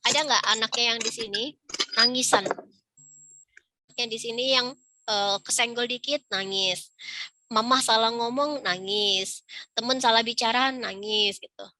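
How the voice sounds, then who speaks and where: A woman's voice: on the high side, pushed and bright, no echo. A middle-aged woman speaking on a video call, giving a casual parenting talk and acting out little dialogues with children. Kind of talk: informal webinar talk.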